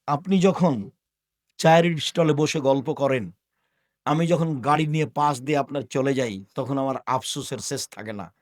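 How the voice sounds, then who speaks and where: A man's voice: medium pitch, normal speed, darkish tone. An older man from Bangladesh preaching a sermon, scolding his listeners with rhetorical questions that rise suddenly in force. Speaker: Islamic preacher.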